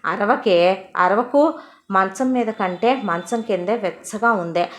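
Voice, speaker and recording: A woman's voice: medium pitch, takes it slowly, lightly acted. Woman voicing a rambling half-mad old father. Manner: wordplay-filled, philosophical rambling. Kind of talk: Telugu audio story acting.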